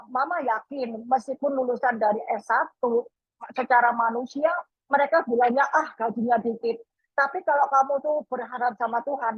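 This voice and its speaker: A middle-aged woman telling a personal story about her child, halting with fillers and acting out the lines of others. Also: a little high, slightly rough, no echo, highs cut off. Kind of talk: personal testimony.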